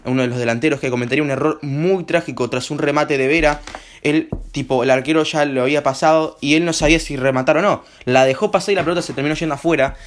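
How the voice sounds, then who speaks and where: A young man with an Argentine accent, slightly hoarse, hosting a casual home-made radio show in a rambling, slangy way full of filler words. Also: mid-range voice. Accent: Argentine Spanish. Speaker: host.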